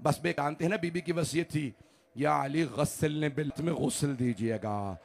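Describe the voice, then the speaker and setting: A man delivering a mourning sermon at a Shia majlis, swinging from hushed, grieving recitation to wailing, shouted lament. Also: fairly high pitch, moderate pace, slight background noise.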